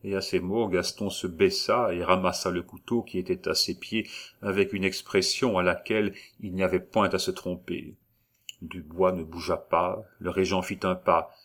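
A man narrates a classic novel in a low, steady voice. His reading is measured and literary, with clear, unhurried phrasing. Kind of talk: audiobook narration.

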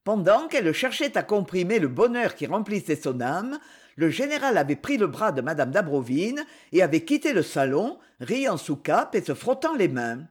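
High, expressive male audiobook narrator. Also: moderate pace, slightly rough.

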